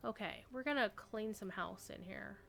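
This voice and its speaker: Bright-voiced woman streaming a game. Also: mid-range voice, moderate pace, creaky. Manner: chatty and joking, talks to herself while playing. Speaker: streamer playing an online game. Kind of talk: casual gameplay commentary.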